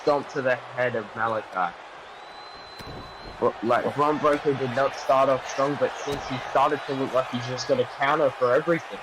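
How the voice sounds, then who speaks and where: A man doing wrestling play-by-play commentary, calling the action with excitable, dramatic phrases and rhetorical questions. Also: medium pitch, normal speed, background noise.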